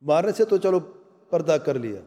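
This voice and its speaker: Very animated, this Islamic lecturer talks about family life in a dark, somewhat high voice, pressing his points emphatically and asking his listeners rhetorical questions. The recording carries the long echo of a big hall.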